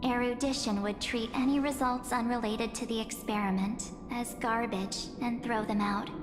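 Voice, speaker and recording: In a video game, an actress plays an eerie memory spirit disguised as a perky girl, sly, teasing, breezy and persuasive. Her fairly high voice has fairly even intonation at a moderate pace, close to her natural speaking voice. The sound carries long hall reverb over game music.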